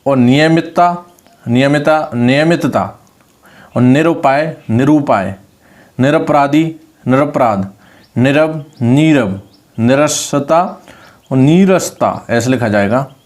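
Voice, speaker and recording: A man's voice: mid-range voice, slow pace, a little mellow. A man with a Rajasthani Hindi accent, tutoring an online spelling class and repeating each word while stressing the correct form.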